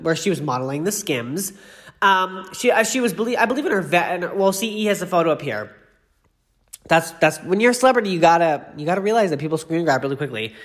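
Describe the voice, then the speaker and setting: A man runs a casual solo pop culture podcast, gushing effusively and wandering into asides. His slightly high voice sounds congested from allergies.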